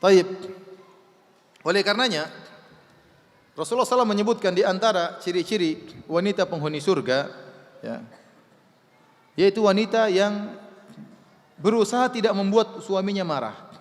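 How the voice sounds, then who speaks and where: A man's voice: sits high, lively intonation, moderate pace, long pauses, long reverb tail. A man giving a sermon to an audience, emphatic, asking rhetorical questions and answering them himself. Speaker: preacher.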